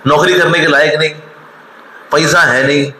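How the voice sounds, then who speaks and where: 40s guy lecturing and teasing a crowd, slightly high bright voice, roomy hall sound, faint background hum. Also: fairly even intonation, moderate pace. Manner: scolding, mocking, switching between storytelling and rebuke. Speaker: monk speaker giving a motivational talk. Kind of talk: lively motivational talk with acted quotes. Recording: echoey hall, faint ambience.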